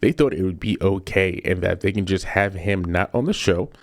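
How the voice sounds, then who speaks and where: A man in his thirties delivers a heated, repetitive opinion rant as a commentary host. His voice sits fairly low, and he talks in an emphatic, insistent way. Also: moderate pace.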